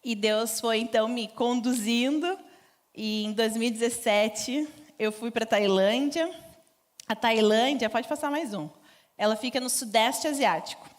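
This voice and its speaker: A woman's voice: fairly high pitch, a little slow. A woman giving a conversational church mission talk, informal and laughing often. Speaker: missionary speaker. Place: church stage.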